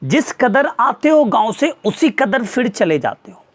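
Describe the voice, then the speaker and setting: A man's voice: very high voice, sing-song, a little slow. A man, a teacher, earnestly lecturing his students with pointed rhetorical questions. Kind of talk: motivational talk to students.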